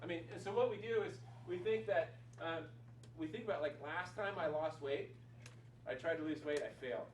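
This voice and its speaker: A middle-aged chiropractor giving a casual, rambling motivational talk to a group, full of "like" and repeated words. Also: male voice, on the high side, moderate pace. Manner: casual, filler-heavy, repeats himself. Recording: echoey room, far from mic, noisy.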